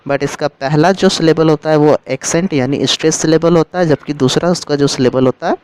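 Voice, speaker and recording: A man gives a literature lesson, moving patiently from term to term and rephrasing each one. His voice is clear and crisp, and sits slightly high for a man. The sound is dry and close, with no room around it. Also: fairly quick, no room sound, low-quality recording. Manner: steady explanatory, repeats and rephrases terms. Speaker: literature teacher. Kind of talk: explaining a lesson in Hindi with English terms.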